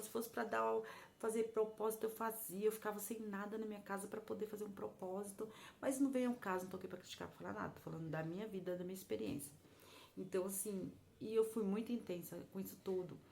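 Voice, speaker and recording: A woman tells her personal story in an earnest, repetitive way and keeps turning to her viewers directly. Her voice has a gravelly, creaky edge at a middle pitch. A faint hum of noise sits behind her at home. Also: darkish tone. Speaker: vlogger sharing personal testimony. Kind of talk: emotional personal testimony.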